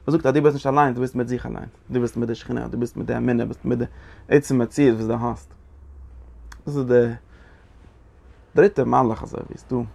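A man giving a Torah study lecture, halting and repeating his phrases as he works through the text. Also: medium pitch, fairly even intonation, creaky, a little mellow. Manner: halting, repeats phrases, mixes Yiddish and Hebrew terms into German. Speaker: Torah teacher.

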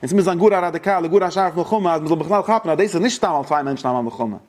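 Man, somewhat high voice, informal religious lecture, halting delivery with English terms mixed in. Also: a little mellow. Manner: halting, searching for words, mixing in English terms.

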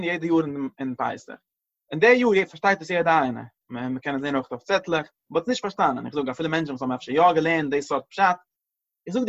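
A man teaching a religious lesson, halting and repeating phrases and mixing in English words. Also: a little high. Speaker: Torah teacher. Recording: dull lo-fi recording.

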